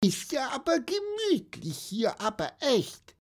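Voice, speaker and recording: A woman's voice: high voice, huge pitch swings, slow pace, exaggerated voice. A woman voicing a cheerful, easygoing child chatting in a storybook reading.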